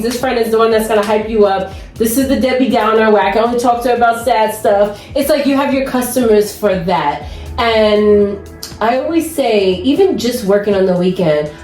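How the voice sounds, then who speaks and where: A woman's voice: a little high, darkish tone, roomy sound. A woman, a nail tech and podcast host, talking casually and animatedly, laughing often as she tells stories. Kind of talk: casual chat.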